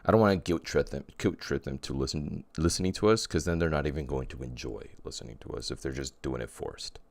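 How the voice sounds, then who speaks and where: A man's voice: very deep voice, fast, creaky, a little mellow, dry recording. A man co-hosting a casual chat podcast, rambling and often restarting his sentences. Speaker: podcast co-host.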